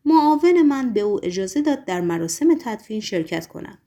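A shrewd, composed secret-police chief, deferential and reassuring toward his superior, as a woman reader gives his lines. Steady audiobook delivery in a rather high voice. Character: calm, shrewd secret-police chief, middle-aged man. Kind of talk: audiobook reading.

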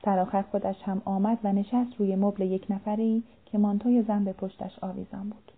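A woman's voice: mid-range voice, level tone. Woman narrating a story, phone-like sound. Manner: voices both characters' dialogue in her own voice.

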